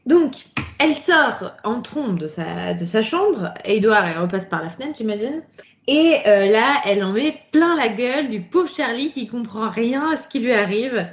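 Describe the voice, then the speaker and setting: Woman podcast co-host, high-ish voice, lively and giggly, casual chat. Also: moderate pace. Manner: lively, laughs often, many fillers and asides. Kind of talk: casual chat about a book chapter.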